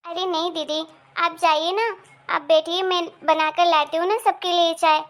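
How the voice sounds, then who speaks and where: An eager, sweetly polite young daughter-in-law in an animated family story, played by a woman. Her voice sits very high, bright and girlish. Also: moderate pace.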